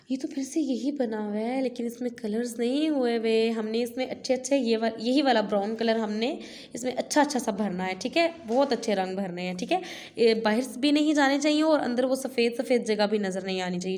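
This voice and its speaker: A woman's voice: on the high side, darkish tone. A woman nursery teacher with a Pakistani Urdu accent, patiently drilling letter sounds in a recorded class. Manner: patient, drills letters slowly and repeats "theek hai". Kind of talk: recorded online class lesson.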